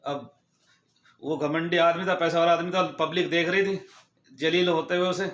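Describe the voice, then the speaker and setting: High-voiced man telling a moral story. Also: steady tone, moderate pace, a bit bright. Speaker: storyteller vlogger. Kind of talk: casual moral story narration. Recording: echoey room.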